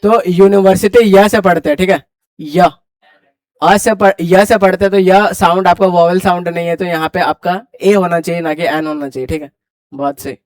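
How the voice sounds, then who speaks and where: Brisk high-voiced male classroom teacher. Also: fairly even intonation, no echo. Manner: brisk, quizzing students and urging them to hurry. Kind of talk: classroom grammar lecture.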